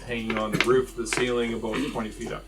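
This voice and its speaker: A man improvising scene descriptions as game master of a tabletop game, in a halting, descriptive way. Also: medium pitch, little pitch movement. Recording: distant mic with music behind. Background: music.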